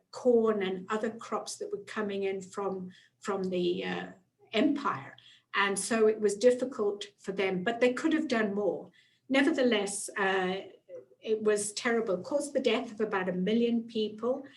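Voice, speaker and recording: A middle-aged woman giving an online guided travel presentation in a chatty way, with frequent fillers and restarts. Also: medium pitch. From not from Canada, moved there in the nineties.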